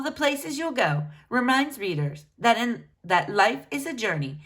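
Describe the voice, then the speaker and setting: In a medium-pitched, fairly bright voice, a woman reads a children's biography aloud as a storyteller, speaking to kids like a teacher and adding pointed emphasis.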